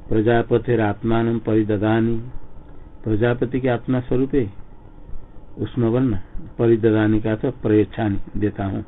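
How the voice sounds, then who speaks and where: A man with a low, gravelly voice gives a line-by-line commentary on a sacred text. He reads a phrase and then unpacks it at a measured pace. The sound is thin and phone-like, with faint hiss behind him. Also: little pitch movement. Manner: reads Sanskrit phrases then explains them slowly in Hindi. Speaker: scripture teacher. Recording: tinny phone-like recording with faint noise.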